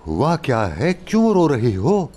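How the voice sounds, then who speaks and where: A man's voice: medium pitch, huge pitch swings, measured pace, warm tone, faint music behind. An actor dubbing an older man, an eager devoted suitor who stammers when overwhelmed, in a TV drama. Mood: tender. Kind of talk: Urdu-dubbed TV drama.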